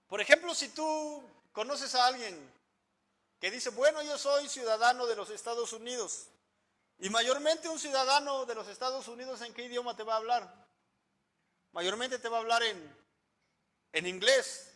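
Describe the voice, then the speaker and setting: A man preaching a sermon to his congregation. He asks them questions, answers them himself, and his loudness rises and falls a lot. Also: very high-pitched, normal speed. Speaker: pastor.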